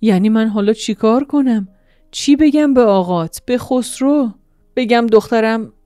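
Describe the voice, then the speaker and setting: A woman's voice: dry recording, clean studio sound, natural voice. A woman voicing a distraught middle-aged mother who wails and cries out in shame. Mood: anguished. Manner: wailing, shrill, crying out.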